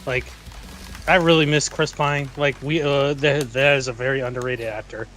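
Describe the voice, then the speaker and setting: A man chatting casually on a stream, speaking haltingly with many restarts. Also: medium pitch, fairly even intonation, a bit bright, soft background music. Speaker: stream guest. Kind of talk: casual chat.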